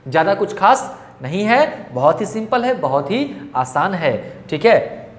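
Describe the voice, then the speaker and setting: A man teaches a grammar lesson, asking his pupils questions and answering them in turn. His pitch swings up and down with lively emphasis. The room is echoey, with a long ringing tail. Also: unhurried.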